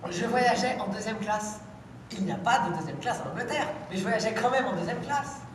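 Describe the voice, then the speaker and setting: A teenage girl playing a prim, bewildered English gentleman in an amateur stage performance, formal and overly polite, heard from far off in an echoey hall. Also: mid-range voice, lively intonation, a little fast, slight background noise, natural voice. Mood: puzzled politeness. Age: teens. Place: school show in a hall.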